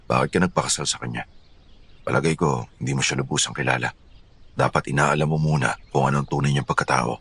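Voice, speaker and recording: A man voicing a grave older village man in an audio horror story, with a gravelly, husky voice and ominous warnings. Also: rumbling low, fairly even intonation, fast, a bit bright, voice pushed down, full character voice.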